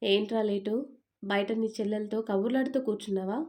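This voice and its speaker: A woman's voice: mid-range voice, fairly even intonation, brisk, a little mellow, lightly acted. A woman voicing an irritable young husband and boss in an audio story, talking curtly and scolding. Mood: irritated. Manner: curt, scolding.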